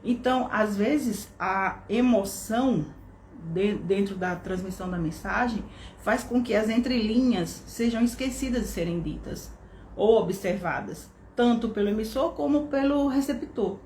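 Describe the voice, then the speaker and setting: An online course instructor with a Brazilian Portuguese accent walks through the material step by step, frequently checking in with tag questions. Her mid-range voice is unhurried and somewhat dark in tone. The room is echoey, with faint background noise.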